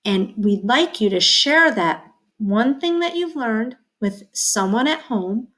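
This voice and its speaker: A woman's voice: on the high side, lively intonation, slow pace, fairly bright tone. A woman teacher reading a children's magazine aloud to young students, with playful sound effects and questions to her listeners.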